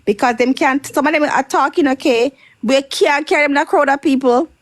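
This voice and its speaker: A woman's voice: high voice, brisk. A Jamaican woman hosting a casual live-stream chat, talking in a chatty way and pressing her point.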